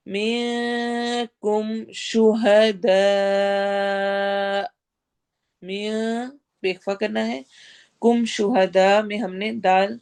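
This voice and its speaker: In an online recitation class, a woman teaches in a firm, corrective tone, splitting each phrase into syllables and explaining every rule in turn with careful method. Her voice is medium-pitched and darkish, with vocal fry.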